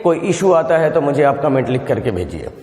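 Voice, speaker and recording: A man's voice: medium pitch, sing-song, a little fast, darkish tone. A male commerce tutor giving a recorded video lecture, explaining step by step and often asking his students questions, mixing Hindi with English terms. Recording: echoey room with long reverb.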